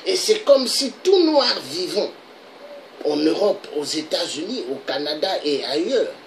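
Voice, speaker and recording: A man's voice: on the high side, big pitch swings, a little slow, vocal fry, a little hiss or hum, rough recording. A man from the Congo, delivering an impassioned political monologue full of repeated rhetorical questions. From Republic of the Congo. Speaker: political video blogger.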